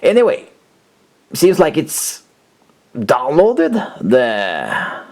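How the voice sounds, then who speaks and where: Speaking extremely slowly, this retro tech video host has a mid-range, gravelly, darkish voice with huge pitch swings. He demonstrates a computer casually and off the cuff, hesitating and searching for words, while the computer's audio player plays music behind him.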